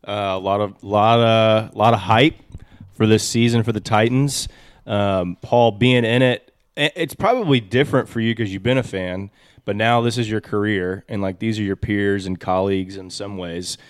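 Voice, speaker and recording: A man's voice: on the low side, normal speed, clear, resonant tone, no room sound, studio quality. A man hosting a podcast, asking long, rambling questions with restarts. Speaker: podcast host. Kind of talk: interview questions.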